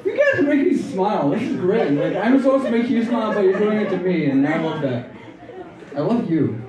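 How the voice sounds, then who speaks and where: A man doing an open-mic stand-up set on a club stage, talking in a halting, rambling way with many restarts. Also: high-pitched, very animated, lo-fi sound. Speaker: stand-up comedian. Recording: distant, echoey club with loud crowd. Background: audience laughter.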